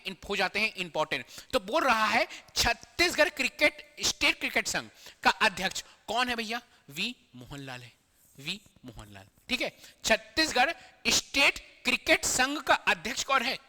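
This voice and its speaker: A man's voice: high-pitched, sharp tone, in a large hall. A man teaching an exam-prep current affairs lesson, repeating each answer for students to memorize and reading questions in Hindi and English.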